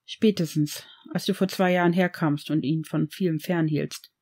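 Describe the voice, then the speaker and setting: A woman reading the part of an old male headmaster, grave and gentle, in an audiobook of fan fiction. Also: low-pitched, fairly even intonation, husky. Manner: earnest, measured, reproachful.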